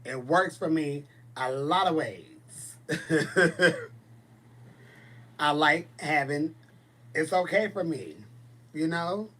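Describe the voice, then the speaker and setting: A livestream host in his forties answers viewer comments during a casual live chat, and his manner is blunt and sassy. He speaks very slowly with long pauses, in a voice on the high side that sounds bright and forceful.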